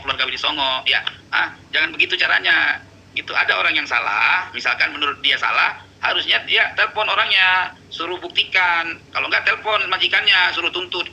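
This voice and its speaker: A man's voice: on the high side, brisk, pushed and bright, slight background noise, low-quality recording. A man in a heated online debate, mocking and scolding his opponent. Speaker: livestream debater.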